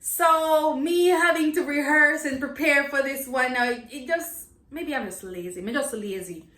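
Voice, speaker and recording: A roomy, echoing recording of a woman with a fairly high voice and a Jamaican accent. She teaches informally, switching between Jamaican Patois and English. Her delivery is conversational and expressive, with phrases repeated for learners. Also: normal speed. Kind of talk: informal language lesson to camera, mixing Jamaican Patois and English. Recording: echoey, roomy sound.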